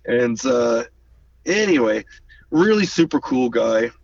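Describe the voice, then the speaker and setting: A male drummer recounts his career in a relaxed, animated interview voice. He slips into quick impressions of the people he quotes. The sound is muffled and set back from the microphone. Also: medium pitch. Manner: animated storyteller who acts out quoted voices and hums drum rhythms. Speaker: guest drummer. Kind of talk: casual storytelling interview. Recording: distant dull lo-fi mic.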